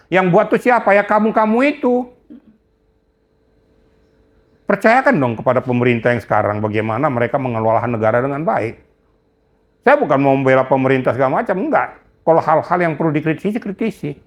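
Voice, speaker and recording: Older male interview guest, indignant and emphatic, lecturing tone. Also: a little high. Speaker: retired police general, guest. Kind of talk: heated interview talk.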